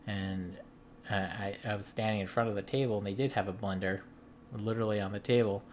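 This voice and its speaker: Low-voiced rambling man telling a story. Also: fairly even intonation, a little fast, darkish tone, slight background noise. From US Midwest. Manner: rambling, many ums and uhs and restarts; amused storytelling. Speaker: video game collector vlogger. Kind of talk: casual chat.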